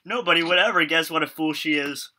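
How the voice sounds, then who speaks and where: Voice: medium pitch, fast, bright, forceful tone. A young speaker reading lines in an amateur play read-through, teasing and mocking the other readers.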